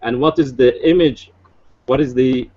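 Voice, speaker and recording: A man's voice: mid-range voice, unhurried, a little mellow, dull audio. Earnest man lecturing. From Iraq. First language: Arabic. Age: 40s. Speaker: guest speaker. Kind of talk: lecture-style political presentation.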